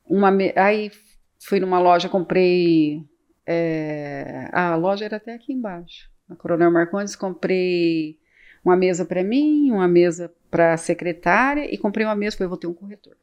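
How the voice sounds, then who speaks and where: As a podcast guest, a late-fifties real estate agency owner with a São Paulo-interior Brazilian accent chattily shares her story, echoing words as she replays old exchanges. She speaks at a normal speed in a lowish voice. The recording has its highs cut off.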